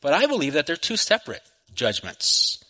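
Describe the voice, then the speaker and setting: A man's voice: fairly high pitch, huge pitch swings, normal speed, bright, forceful tone, rough recording. A man in his forties from Texas, preaching a sermon to a church congregation in a friendly, conversational way with many restarts. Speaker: guest preacher. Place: church sanctuary. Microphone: microphone.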